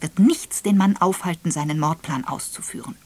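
A woman voicing a shrewd, gentle elderly spinster detective who speaks softly, half in a whisper, in an audiobook. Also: on the low side, moderate pace, lightly acted. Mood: earnest.

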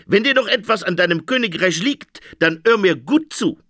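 A man's voice: high voice, lively intonation, moderate pace, sharp tone, no room sound, clean studio sound, pitched above the performer's own voice, heavily acted. A man voicing a smug, mocking little impish man in a comic fairy-tale reading.

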